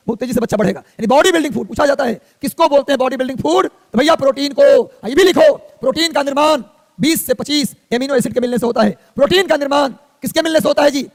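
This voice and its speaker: A man's voice: very high voice, in a large hall. A man teaching an exam coaching class, drilling facts by repeating them in a sing-song list. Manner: rapid, repetitive drilling, sing-song listing. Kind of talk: energetic classroom lecture.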